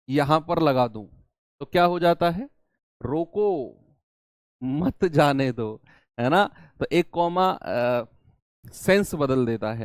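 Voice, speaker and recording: A man's voice: a little high, clean tone, dry recording, clean studio sound. A young man teaching an exam-prep maths lesson, asking students questions and answering them himself step by step. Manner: talks students through each step, asks and answers own questions.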